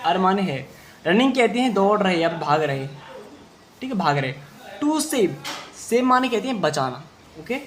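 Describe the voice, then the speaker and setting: A man teaching an English story in Hindi, reading the English slowly word by word and then explaining each word's meaning, answering his own questions as if he were a student. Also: high voice, a bit bright, a little hiss or hum.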